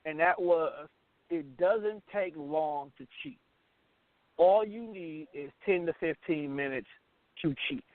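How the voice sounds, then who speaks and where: Speaking slowly in a slightly high voice, a middle-aged American man hosts a radio program with casual candor. He's emphatic and blunt and keeps repeating his phrases. No room sound is audible, and the sound is thin and phone-like, band-limited.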